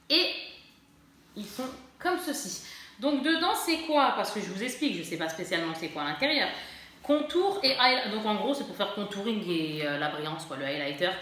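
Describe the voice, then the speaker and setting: A woman's voice: medium pitch, sharp tone, slight background noise. A woman vlogging a casual shopping haul, chatty and self-mocking, often searching for her words. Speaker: beauty vlogger. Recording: very echoey room.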